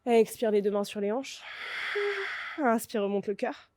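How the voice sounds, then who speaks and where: A woman leading a guided yoga class, calmly cueing each breath and pose and encouraging the listener along. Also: medium pitch, measured pace, no room sound, studio quality. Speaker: yoga teacher.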